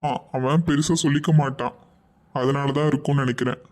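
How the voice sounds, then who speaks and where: A man's voice: mid-range voice, steady tone, a little fast, darkish tone, natural voice. A man voicing a courteous, reassuring company boss in a cartoon. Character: courteous company boss, warm to staff families. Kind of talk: cartoon voice acting.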